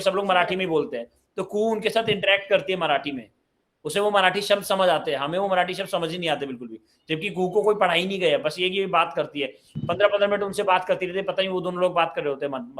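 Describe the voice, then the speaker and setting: A man's voice: high-pitched, quick pace, a bit bright. Young man hosting an online parenting Q&A. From Uttar Pradesh, India. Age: 20s. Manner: reads out and answers audience questions conversationally. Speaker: parenting session host. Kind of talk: live online Q&A session.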